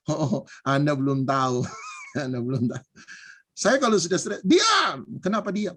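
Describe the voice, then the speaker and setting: A male pastor delivers a playful sermon in a slightly husky voice. His pitch swings widely as he jokes and repeats phrases for emphasis. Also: a bit bright. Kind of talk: humorous sermon.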